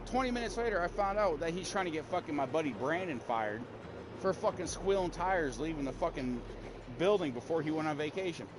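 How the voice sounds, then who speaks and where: Heated, cursing man venting, somewhat high. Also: brisk. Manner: profane, heated, animated retelling. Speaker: streamer. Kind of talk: casual venting story. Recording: steady background noise.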